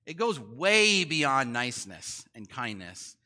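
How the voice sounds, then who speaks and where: A man's voice: medium pitch, sing-song, takes it slowly, sharp tone. A man preaching a sermon as pastor in a conversational way, often asking the congregation questions.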